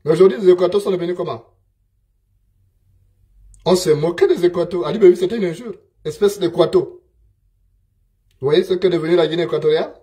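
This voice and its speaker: A man speaks in a high voice. He delivers a scornful political monologue and hammers his points home by repeating them. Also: fairly quick, long pauses, dark tone. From Gabon. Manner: scornful, emphatic, repeats himself.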